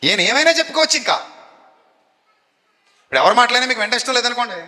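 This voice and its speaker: A man with a high, bright, forceful voice preaches to a live congregation, throwing questions at them and waiting for replies. The sound rings with long echo from a church hall. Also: sing-song, fairly quick. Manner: fires questions at the congregation and has them answer. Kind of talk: sermon. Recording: echoey hall reverb.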